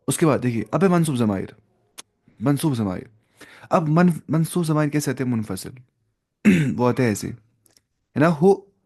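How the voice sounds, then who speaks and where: A man's voice: medium pitch, a little mellow. A man teaching Arabic grammar in Hindi, drilling word lists and correcting himself as he goes. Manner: opens with an Arabic prayer. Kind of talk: grammar lesson explained in Hindi.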